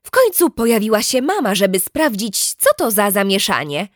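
A woman reading a funny first-person teen diary aloud as an audiobook narrator, in an expressive, storytelling way. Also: medium pitch, normal speed, no room sound, studio quality.

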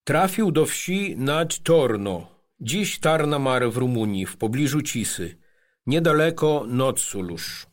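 A man reads a family memoir as scripted narration. His delivery is measured and even, and his voice sits in an ordinary middle register. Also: mid-range voice. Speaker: audiobook narrator.

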